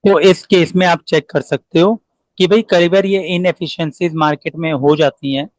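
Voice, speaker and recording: A man's voice: on the high side, fairly even intonation, no room sound, low-quality recording. Indian man teaching in a dry room. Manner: explains in Hindi, then reads English definitions slowly; rhetorical questions to the viewer. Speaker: commerce teacher. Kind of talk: recorded lecture, mixing Hindi and English.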